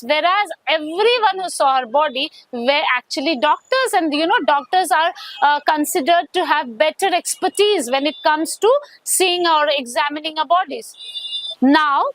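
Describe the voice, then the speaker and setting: A woman with an Indian accent giving an investigative news report in a halting way, often repeating and rephrasing. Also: high voice, fairly bright tone, no room sound, rough recording.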